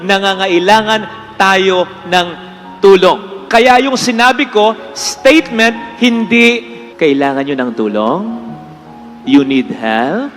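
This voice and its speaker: Very high-voiced priest preaching earnestly. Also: male voice, fairly bright tone, in a large hall. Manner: earnest, emphatic, mixes English phrases. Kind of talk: homily. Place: church with congregation.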